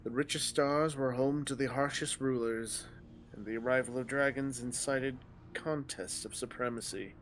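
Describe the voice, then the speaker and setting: A man's voice: medium pitch, fairly even intonation, moderate pace, slight background noise, close to an everyday voice. A man reading a weary ancient dragon. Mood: solemn. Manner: archaic solemn delivery with stumbles from reading on the fly. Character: weary ancient male dragon, grave and mournful.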